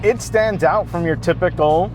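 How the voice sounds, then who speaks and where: A man's voice: high-pitched, moderate pace, over music. A man hosting a casual car review outdoors, talking enthusiastically with many fillers and restarts.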